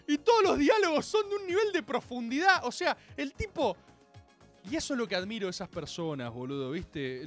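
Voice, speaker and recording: Excitable Argentine man, lively pitch. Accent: Argentine Spanish. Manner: excitable, builds to shouting, slangy. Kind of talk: passionate comic-book monologue.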